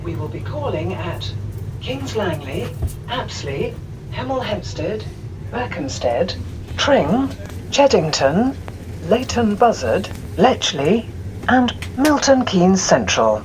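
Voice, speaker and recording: A woman's pre-recorded train announcement played over a loudspeaker, with a clear, measured delivery. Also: medium pitch, big pitch swings. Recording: distant train loudspeaker with train noise.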